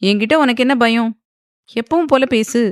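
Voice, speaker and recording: A cheeky young man with a quick, teasing manner, full of playful banter, as a woman reading an audio novel puts him on. The voice sits a little high and bright, recorded close and dry. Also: no room sound, lightly acted.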